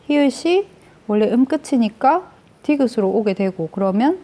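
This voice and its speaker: A woman teacher talks through grammar rules one step at a time in a lecture, often asking a question and answering it herself. Her voice sits a little high yet sounds soft and mellow, with a sing-song quality and a moderate pace.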